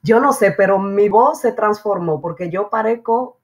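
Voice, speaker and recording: A woman's voice: medium pitch, normal speed. A woman with a strong voice, casually telling a story, acting out what was said and dropping in English phrases. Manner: lively, acts out dialogue and drops in English phrases. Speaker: interview guest.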